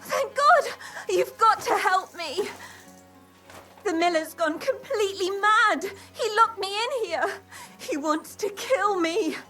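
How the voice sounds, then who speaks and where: A woman's voice: extremely high pitch, expressive, takes it slowly, sharp tone, soft background music, heavily acted. A woman playing a frightened young woman locked in, pleading desperately through a closed door in a video game. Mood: panicked. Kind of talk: dramatic video game acting.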